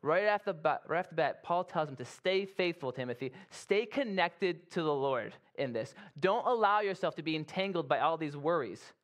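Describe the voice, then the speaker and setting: A man's voice: on the high side, animated, normal speed, few pauses. A man, a pastor, giving a conversational sermon and acting out little scenes with playful asides. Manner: conversational, acts out quoted soldiers with playful asides.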